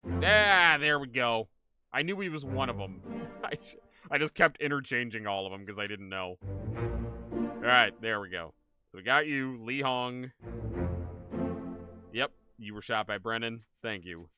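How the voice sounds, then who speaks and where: A man livestreaming a video game, chatting casually and excitably with viewers in an animated, exclaiming way. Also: medium pitch, unhurried, pauses often, over music. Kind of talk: casual livestream gaming chat and commentary.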